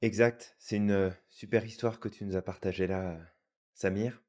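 A man's voice: on the low side, fairly even intonation, normal speed, darkish tone. A man co-hosting a podcast, talking things through in a thoughtful, hesitant way. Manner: thoughtful, hesitant, many fillers and restarts. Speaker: podcast co-host. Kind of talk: reflective podcast talk.

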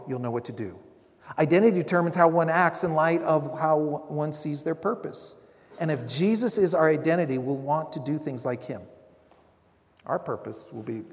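Man preaching in a reverberant hall. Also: fairly high pitch. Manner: animated preaching, quoting others in voices. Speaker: pastor. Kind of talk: sermon.

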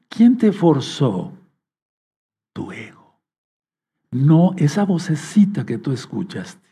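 A man's voice: fairly high pitch, mellow, husky. A man preaching a sermon to his channel, speaking to listeners as brothers and sisters and acting out an inner voice.

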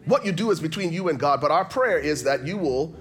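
Here a pastor from Liberia delivers his sermon a little fast, his somewhat high voice full of lively intonation, slightly raised, emphatic and rhythmic. Repetition is his habit, with words lined up in pairs for effect, and soft music sits faintly in the background.

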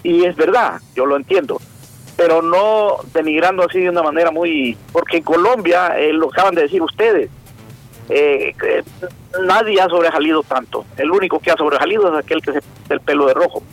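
A man with a Honduran accent calling in to a radio show, halting and often repeating words as he searches for them. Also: fairly high pitch, soft background music, rough recording. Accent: Honduran Spanish. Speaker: radio caller. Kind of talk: call-in opinion.

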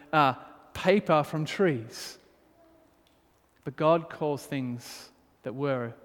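A man preaching a sermon as pastor, reading scripture aloud and then pressing his points with rising emphasis. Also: mid-range voice. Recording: long hall reverb.

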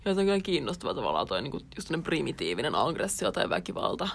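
A young woman co-hosting a conversational podcast. She muses her way through ideas, pausing with fillers as she reflects. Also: deep voice, big pitch swings, creaky, breathy edge. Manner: thinking aloud, many fillers, reflective. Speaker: podcast co-host. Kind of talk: casual chat.

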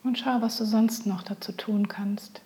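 Female meditation guide, gentle spa-like soft whisper, dark mellow timbre, very leisurely pacing. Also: medium pitch, fairly even intonation. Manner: soft, breathy near-whisper; gentle, soothing, unhurried.

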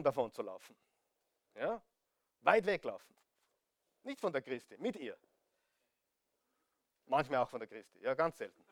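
A man's voice: high voice, no room sound, clean studio sound. A man with an Austrian accent preaching a sermon, talking directly to his listeners, asking rhetorical questions and urging them again and again to listen. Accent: Austrian German. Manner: direct, pleading, repeats appeals to listen; rhetorical questions, big swings in loudness.

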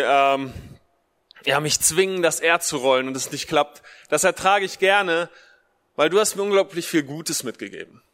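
A fairly high, fairly bright voice with a clear, resonant tone carries this preacher's casual Mother's Day sermon, streamed live from a space with long hall reverb. Of Russian-German family background and based in Germany, he has a speech impediment that prevents rolling the R, and he repeats short phrases for emphasis.

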